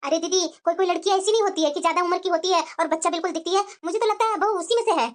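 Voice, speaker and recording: Bossy cartoon mother-in-law, very high voice, rapid. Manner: bossy, brisk. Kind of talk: cartoon dubbing.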